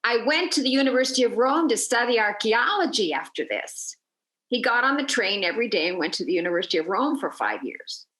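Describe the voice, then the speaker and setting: A woman guides a virtual tour and tells a story with energy, acting out each quoted voice. Her voice sits a little high. The sound carries a noticeable room echo. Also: big pitch swings, a little fast, fairly bright tone.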